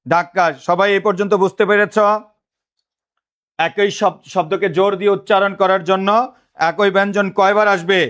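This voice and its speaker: High-voiced man teaching, call-and-response. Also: little pitch movement, a bit bright, clean tone. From Bangladesh. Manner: repetitive call-and-response questioning; dictates notes slowly, repeating phrases. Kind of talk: online class lecture.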